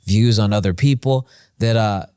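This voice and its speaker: A man's voice: lowish voice, moderate pace, warm tone, smooth, dry recording, studio quality. A man hosting a podcast as a preacher, chatting and interviewing in an informal, encouraging, slangy way. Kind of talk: casual chat and interviewing.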